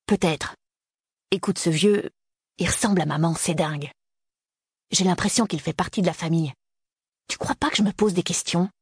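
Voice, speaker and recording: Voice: medium pitch, moderate pace, long pauses, slightly rough, no echo, studio quality. A reader voicing a young male university student in an audiobook, who argues and pleads insistently. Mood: pleading. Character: young man, restless university student son. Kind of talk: audiobook character reading.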